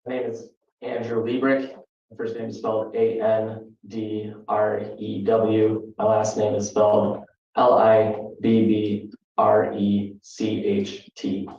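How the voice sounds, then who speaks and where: A man testifying as a state trooper, answering questions hesitantly with frequent ums. His low, monotone voice sits far from the mic, dull and very echoey. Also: takes it slowly. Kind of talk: courtroom testimony. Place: courtroom. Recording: distant, dull, echoey courtroom audio.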